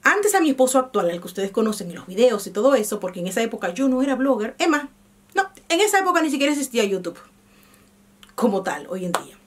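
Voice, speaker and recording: Woman in her 30s, vlogger, fairly high voice, chatty and warm with viewers, talks straight to camera. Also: big pitch swings, fast talker, slight background noise. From Dominican Republic. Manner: chatty, addresses viewers as "mis amores". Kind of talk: casual chat to camera.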